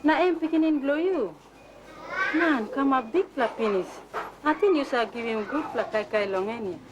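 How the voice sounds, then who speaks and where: A woman's voice: sits high, expressive, normal speed, muffled recording, noisy background. A woman playing an earnest advice-giver, speaking Papua New Guinea pidgin with a Papua New Guinean accent in instructional dialogue. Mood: earnest advising. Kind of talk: acted instructional Tok Pisin dialogue.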